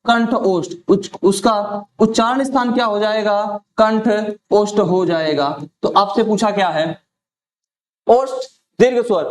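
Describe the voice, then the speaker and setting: A man's voice: high-pitched, unhurried. A male teacher running an exam-prep lesson, who asks each question aloud and then answers it himself. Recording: echoey room.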